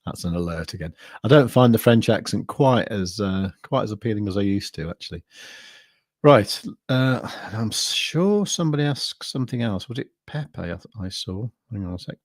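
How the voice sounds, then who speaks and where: A man's voice: on the low side, expressive, moderate pace, no echo. A man hosting a crypto live stream, chatting casually and rambling with lots of fillers and restarts. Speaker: crypto livestream host.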